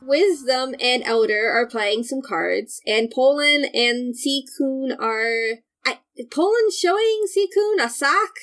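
A woman with a somewhat high voice hosts a casual podcast. She talks in a loose, rambling style, recapping and wandering into asides as she goes. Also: expressive, slow, hardly any pauses, fairly bright tone. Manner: rambling, digressive. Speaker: podcast host. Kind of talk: casual chat, recapping an anime episode.

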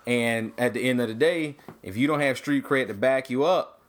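Man, 30s, from Atlanta, podcast co-host, relaxed animated storyteller. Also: medium pitch, moderate pace. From Atlanta, USA. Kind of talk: casual chat.

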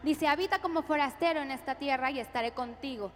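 A woman's voice: sits high, quick pace. A woman preacher with a Latin American Spanish accent, leading the congregation in repeated declarations during a sermon. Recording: reverberant church hall with music. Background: music.

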